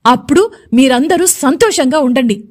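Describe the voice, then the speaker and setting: A woman's voice: high-pitched, big pitch swings, moderate pace. A woman voicing a stubborn, agitated young woman who taunts and complains in a raised voice. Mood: resentful.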